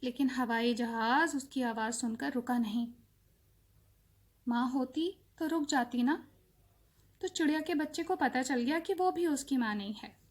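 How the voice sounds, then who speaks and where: A woman narrating a children's story slowly, repeating phrases and acting out sounds. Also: sits high. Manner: slow and repetitive, acts out sounds.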